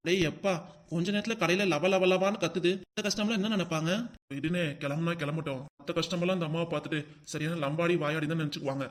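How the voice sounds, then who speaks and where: A man with a Tirunelveli Tamil accent voicing shop staff in a cartoon comedy, in brisk, scolding talk. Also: on the high side, fairly bright tone.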